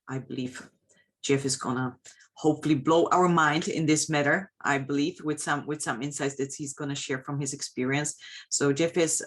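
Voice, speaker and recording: A woman's voice: extremely low pitch, a bit bright. A woman hosts an online webinar, introducing the guest speaker over a video call. She speaks hesitantly, leaning on fillers and restarting her phrases as she goes. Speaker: webinar host.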